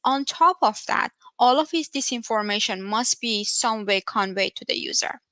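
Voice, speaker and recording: A research scientist from Iran, speaking with an Iranian accent, gives an earnest technical talk at a virtual developer event via video call from home. Her voice is fairly high, expressive, pushed and bright at a normal speed with no echo, and she uses frequent fillers.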